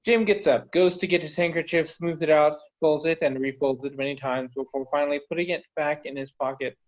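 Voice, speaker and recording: A man's voice: on the high side, fairly even intonation, brisk. Man plainly reading stage directions. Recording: dull lo-fi audio.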